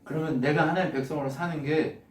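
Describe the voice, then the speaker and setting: Male pastor, high voice, animated sermon, roomy and off-mic. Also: fast, slight background noise. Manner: animated, acts out God's lines with laughs. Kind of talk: lively conversational sermon. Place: church sanctuary. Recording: echoey room, mic from a distance.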